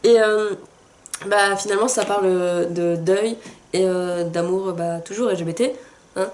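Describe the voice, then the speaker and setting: A young woman co-hosting a book channel chats casually while sick, hesitating often and filling pauses with fillers. Her mid-range voice is a little mellow, her tone steady and her pace measured.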